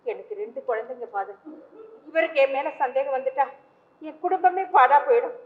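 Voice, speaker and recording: An anxious young mother who pleads hesitantly and stumbles over soft fillers. Her voice is high, on a dull old stage recording. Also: expressive, a little fast. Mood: pleading. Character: worried young mother confessing, anxious woman. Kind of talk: vintage stage play acting.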